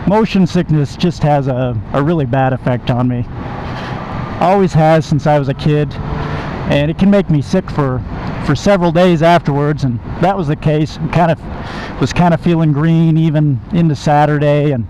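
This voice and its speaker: American man, fairly high voice, speaking inside a motorcycle helmet, casual motovlog storytelling, conversational, noticeable road and engine noise. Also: moderate pace. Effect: muffled inside a motorcycle helmet. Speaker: motovlogger and car salesman. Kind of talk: casual storytelling to camera while riding. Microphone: microphone inside helmet.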